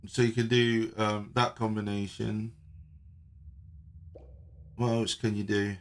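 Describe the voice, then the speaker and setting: A man chatting casually on a live stream, relaxed and hesitant with lots of ums. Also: fairly low pitch, slow pace.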